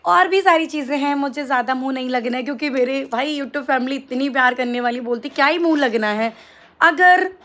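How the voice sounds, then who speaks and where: A woman's voice: high voice, a little fast, a bit bright. A young woman vlogging casually to camera, taunting and sarcastic as she answers critics. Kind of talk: casual vlog monologue to camera.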